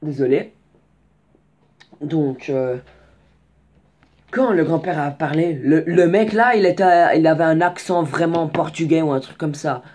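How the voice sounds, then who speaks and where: A man's voice: fairly high pitch, measured pace, long pauses, darkish tone. A young man casually telling a story in slangy, rambling speech with many restarts and asides. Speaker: vlogger.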